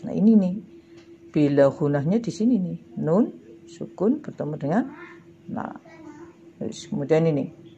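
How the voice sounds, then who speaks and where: Low-voiced woman teaching slowly. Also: mellow, highs cut off, a little hiss or hum. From Indonesia. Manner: patient, explaining to children, drawn-out recited examples. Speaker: primary school religion teacher. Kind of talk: slow classroom lesson.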